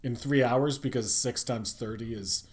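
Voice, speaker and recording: A man's voice: mid-range voice, moderate pace, slight background noise. A man chatting casually on a podcast, rambling with lots of ums and restarts. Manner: rambling, many fillers. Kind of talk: casual chat.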